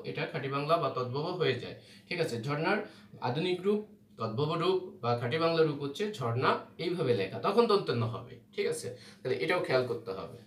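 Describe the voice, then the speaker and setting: A man with a fairly high voice runs an exam-prep lesson on Bengali spelling. He's patient, and "ঠিক আছে?" comes up often as he checks that students understand. The mic is distant, leaving a roomy echo and a faint hum.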